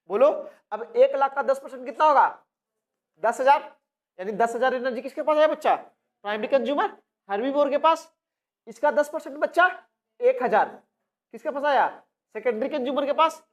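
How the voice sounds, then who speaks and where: A male biology teacher from India, speaking. He lectures a coaching class, asks questions, answers them himself and repeats key terms. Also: sits high. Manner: addresses students as "बच्चा".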